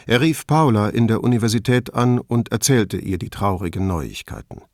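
A man calmly narrating an audiobook in an even storytelling manner, close to the microphone. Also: lowish voice, moderate pace, vocal fry, dry recording. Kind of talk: scripted narration.

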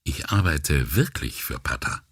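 Guy doing a cagey quiet agent, low and husky, dry sound. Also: lively intonation, unhurried, no echo, full character voice. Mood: guarded. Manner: guarded, quiet. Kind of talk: audiobook character voice.

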